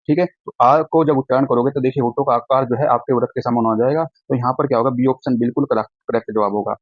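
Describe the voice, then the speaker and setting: Fast-talking male teacher, lo-fi. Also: mid-range voice, dry recording. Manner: brisk, repetitive, calls students friends. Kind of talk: online exam-prep lecture.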